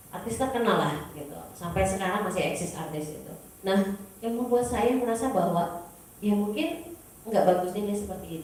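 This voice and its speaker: Woman, slightly high voice, animated storyteller, very echoey hall heard from a distance. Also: slight background noise. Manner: animated storytelling, acting out dialogue. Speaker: school principal speaking to teachers. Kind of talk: teacher training talk.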